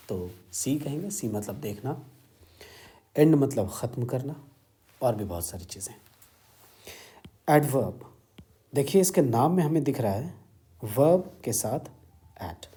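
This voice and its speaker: A man's voice: medium pitch, mellow. Indian man teaching English grammar. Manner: explains word meanings slowly, switching between Hindi and English. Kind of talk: grammar lesson lecture.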